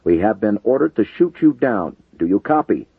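A male narrator puts on a tense fighter pilot barking clipped radio calls. The voice is husky and swings widely in pitch. The sound is dry, tinny and phone-like. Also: big pitch swings, normal speed, no room sound, exaggerated voice. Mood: stern. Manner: clipped radio call sign talk. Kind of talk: audiobook narration with character voices.

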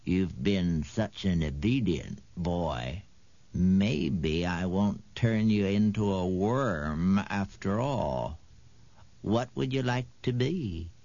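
A male reader voicing an oily, menacing old woman who coaxes in a slow, low, sinister drawl. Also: animated, warm tone, dry recording, heavily acted. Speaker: audiobook reader. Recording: dull, dry studio read.

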